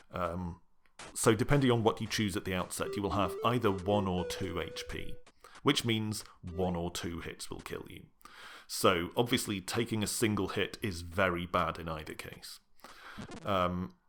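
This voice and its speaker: A man narrating a casual game review in a measured, explanatory way, often pausing with "um". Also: sits low, a bit bright. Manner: measured, explanatory, with frequent ums.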